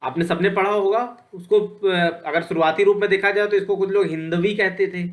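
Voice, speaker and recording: Casual, fairly high-voiced male teacher. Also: fairly even intonation, brisk. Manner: conversational, repeats points with "ठीक है"; poses questions then answers them. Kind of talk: online lecture.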